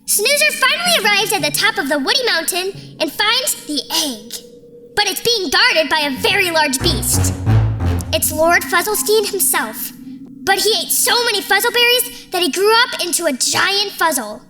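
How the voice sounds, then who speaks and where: Very high squeaky little critter, bouncy and excitable, voice all over the place. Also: female voice, normal speed, music in the background. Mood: excited. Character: excitable little creature Snoozer. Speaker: puppet character performer.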